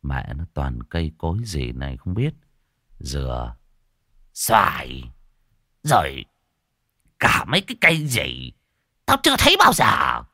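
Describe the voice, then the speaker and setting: A man's voice: rumbling low, big pitch swings, slow pace, long pauses, bright, forceful tone, no room sound, clean studio sound, pitched below the performer's own voice, exaggerated voice. A man voicing a rude, swaggering old man who grumbles and bellows coarsely. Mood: grumbling.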